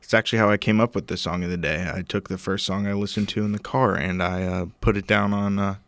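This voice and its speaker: A man's voice: low voice, fairly even intonation, fast talker, a bit bright, clear, resonant tone. A young man hosting a casual podcast, joking and rambling, often trailing off into mumbles. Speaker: podcast host.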